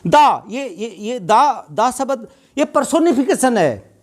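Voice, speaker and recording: A man's voice: very high-pitched, sing-song, slow pace. A man around sixty, giving a fiery, scolding public speech full of rhetorical questions at a Buddhist temple gathering. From Haryana, India. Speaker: retiring speaker at a Buddhist gathering.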